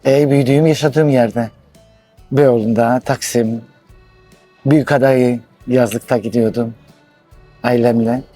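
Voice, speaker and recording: A middle-aged man from Istanbul, speaking halting, slightly broken in a casual street interview. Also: medium pitch, fairly even intonation, mellow, faint music behind. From Istanbul, Turkey. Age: middle-aged to 60s.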